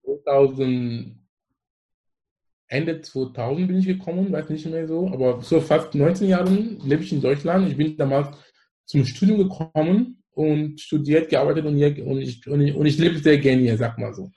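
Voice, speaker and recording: Speaking at a normal speed in a warm, fairly high voice, a Cameroonian-accented man in his forties from Cameroon talks as an interview guest. His style is effusive and emphatic, and he keeps circling back to the same phrases throughout the conversational exchange.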